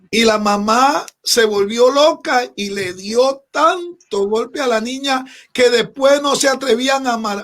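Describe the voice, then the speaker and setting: A man's voice: very high voice, a bit bright. A man on a religious talk show panel, telling a story in an earnest, emphatic way.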